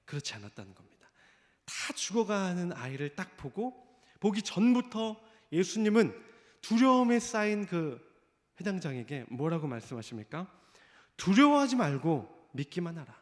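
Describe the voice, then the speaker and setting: A man's voice: high voice, sing-song, moderate pace. A man preaching a sermon, telling a story and acting out the voices of the people in it. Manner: storytelling, acts out quoted voices. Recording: long reverb of a church hall.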